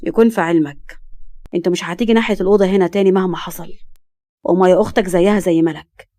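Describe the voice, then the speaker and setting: A woman voicing a stern, angry middle-aged father who scolds forcefully, with an Egyptian accent. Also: on the low side, fairly even intonation, quick pace, lightly acted. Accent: Egyptian Arabic.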